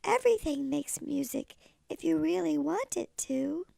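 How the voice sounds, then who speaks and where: Woman voicing a tiny, high-pitched kindly cricket. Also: animated, measured pace, vocal fry, dark tone, no room sound, heavily acted. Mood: gently encouraging. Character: small kindly cricket giving gentle encouragement. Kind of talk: children's storybook read-aloud.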